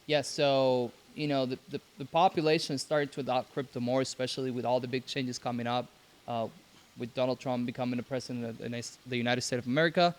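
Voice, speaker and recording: A young man from Cuba, raised in Mexico, speaking as a podcast guest in a halting way with many restarts. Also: medium pitch, fairly even intonation. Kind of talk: casual interview.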